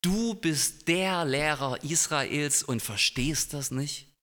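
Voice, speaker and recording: A solemn male teacher speaks with gentle irony and slow emphasis, as a preacher puts him on. His voice is bright and lifted. The words ring out in a reverberant church. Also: fairly high pitch. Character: calm male religious teacher, gently ironic. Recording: long hall reverb in a church.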